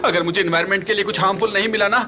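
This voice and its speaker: A jittery young office man, dubbed by a man for a TV drama, his words tumbling out in a rush. His voice sits high, and he rambles on in a panic. Loud music plays under the dialogue. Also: steady tone, racing, close to an everyday voice. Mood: flustered. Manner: frantic and rambling.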